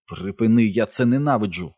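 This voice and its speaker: A man's voice: lowish voice, animated, brisk, darkish tone. A man doing a fussy complaining boy. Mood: annoyed. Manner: complaining, protesting. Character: fussy, easily upset small boy.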